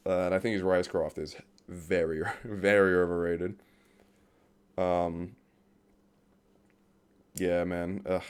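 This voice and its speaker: A man ranting off the cuff in a profane, exasperated way, laughing at times and reading from his notes as he talks. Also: deep voice. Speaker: vlogger. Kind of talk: unscripted rant about a TV series.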